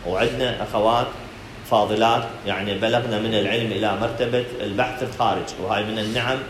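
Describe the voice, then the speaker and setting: Fast-talking Iraqi man preaching. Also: on the low side, steady tone, slight background noise. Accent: Iraqi Arabic. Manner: preacherly, rhetorical questions, addresses listeners directly. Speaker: director of a family counselling centre. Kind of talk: religious talk to an audience. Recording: echoey room recording.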